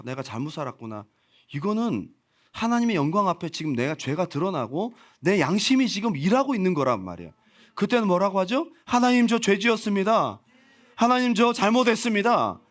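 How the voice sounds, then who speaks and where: A male pastor preaching a sermon, swinging from soft talk to loud proclaiming and acting out quoted voices. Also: high-pitched. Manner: animated, acts out quotes. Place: church sanctuary.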